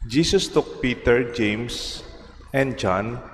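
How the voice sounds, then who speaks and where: Priest guy talking slow and solemn in church, big cathedral echo, bit of noise. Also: medium pitch. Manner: deliberate, measured phrasing. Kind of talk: solemn liturgical reading and homily. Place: large echoing church. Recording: cathedral-like echo, long reverb, some noise.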